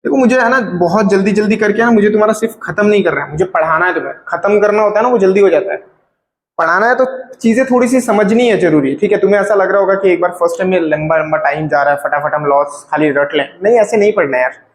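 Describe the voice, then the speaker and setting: A man's voice: high voice, quick pace, reverberant, slight background noise, rough recording. A man teaching a physics lecture, explaining step by step and often checking whether his students are following. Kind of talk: classroom lecture.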